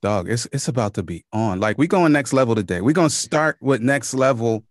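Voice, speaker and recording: A man co-hosting a podcast in casual chat, calm and understated, with plenty of slang. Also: mid-range voice, fairly quick, no echo, studio quality. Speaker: podcast co-host.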